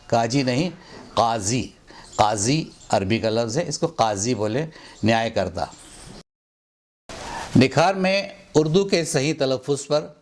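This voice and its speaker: A man's voice: mid-range voice, darkish tone. A man teaching Urdu pronunciation, carefully repeating each word to drill the correct sound. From India. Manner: deliberate, repeats words for drill. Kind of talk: slow instructional explanation. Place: Mumbai.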